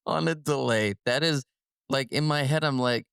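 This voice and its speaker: A man's voice: medium pitch, moderate pace, vocal fry, a bit bright, clear, resonant tone, no room sound, clean studio sound. A man co-hosting a casual film podcast. He chats loosely, laughing often and restarting his sentences. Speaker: podcast co-host.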